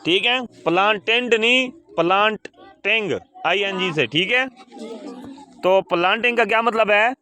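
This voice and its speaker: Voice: mid-range voice, normal speed, sharp tone. A teacher leading an English lesson, spelling words letter by letter and having the pupils repeat them. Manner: addresses pupils as "beta". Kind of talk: call-and-response English lesson.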